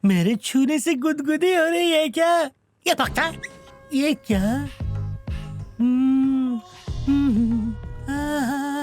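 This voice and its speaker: An actor playing a lecherous, bumbling comic man in a dubbed film, with leering, drawn-out teasing. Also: very high voice, a little mellow, exaggerated voice. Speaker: comic side character. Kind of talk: Hindi film dub. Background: film score.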